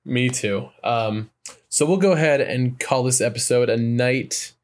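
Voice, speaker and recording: A man co-hosting a film podcast in easygoing, casual chat. He talks in a brisk, dry way. He keeps the conversation moving and steers toward the sign-off. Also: mid-range voice. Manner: brisk, dry, wraps up the show. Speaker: podcast co-host.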